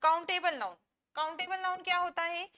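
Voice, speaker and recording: A woman with an Indian English accent teaching a classroom lecture, explaining slowly and asking and answering her own questions. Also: extremely high pitch, steady tone, pushed and bright.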